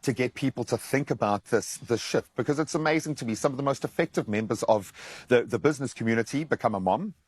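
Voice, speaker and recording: A man's voice: medium pitch, quick pace, slightly rough, no room sound. A man presenting and interviewing as a morning show host, with a polished, emphatic broadcast delivery.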